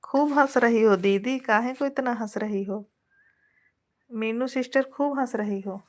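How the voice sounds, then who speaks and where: A woman's voice: fairly high pitch, unhurried. A woman with an Awadhi accent, a folk singer hosting a live stream, chatting casually and affectionately with viewers, greeting and thanking them by name. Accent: Awadhi Hindi.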